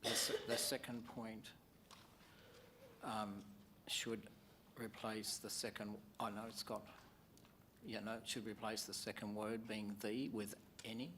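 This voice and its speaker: An Australian man, a councillor moving a motion at a formal meeting, speaking haltingly with many fillers and restarts. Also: lowish voice, little pitch movement, fairly bright tone, slight background noise.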